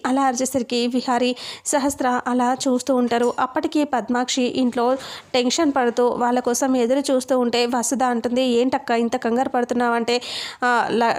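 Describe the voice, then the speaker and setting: A woman's voice: fairly high pitch, darkish tone. A woman retelling a television serial episode, quoting the characters' lines as she goes. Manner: brisk retelling with quoted dialogue.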